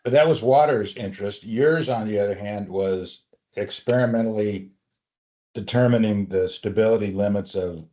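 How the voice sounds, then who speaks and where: A man's voice: lowish voice, moderate pace, dark tone. A man interviewing an older scientist, asking probing questions with a wry edge. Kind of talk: oral history interview. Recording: slightly muffled recording.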